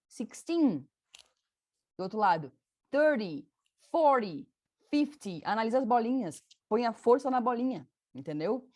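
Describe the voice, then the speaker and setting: A woman's voice: fairly high pitch, a little mellow, dry recording, clean studio sound. A woman from Brazil, teaching a casual online English lesson, chatty and patient, often checking in with her students and repeating examples.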